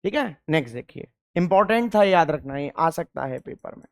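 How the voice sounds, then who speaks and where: A male chemistry teacher lecturing a class, asking questions and answering them himself, and repeating key terms slowly. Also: a little high, animated, gravelly.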